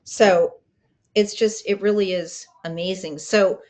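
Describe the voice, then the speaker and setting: A woman's voice: mid-range voice, steady tone, slow pace, darkish tone. A woman moderating a support group over a video call, chatty and wry, asking the others questions. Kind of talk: casual chat.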